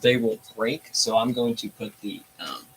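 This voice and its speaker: A man's voice: mid-range voice, a little slow, a bit bright, slight background noise, rough recording. Laid-back man hosting a hobby livestream. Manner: laid-back, rambling with fillers. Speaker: livestream host. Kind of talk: casual livestream chat.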